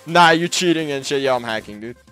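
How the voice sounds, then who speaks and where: A young man giving casual, excitable commentary while playing a shooter game, trash-talking and laughing often. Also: mid-range voice, fast. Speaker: gaming streamer. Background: anime music.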